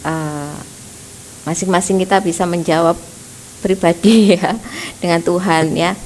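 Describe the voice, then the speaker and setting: Woman preacher, unhurried gentle sermon delivery, frequent "ya" tags, faint background hiss. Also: fairly low pitch, fairly even intonation, rough recording. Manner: slow, gentle, tags nearly every phrase with "ya". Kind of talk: sermon at a prayer service. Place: church.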